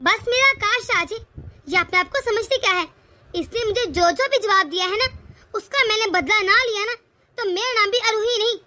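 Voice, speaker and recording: A woman's voice: very high voice, normal speed, sharp tone, no room sound. A woman voicing a scheming, vengeful middle-aged mother-in-law in a cartoon, with taunting, spiteful muttering.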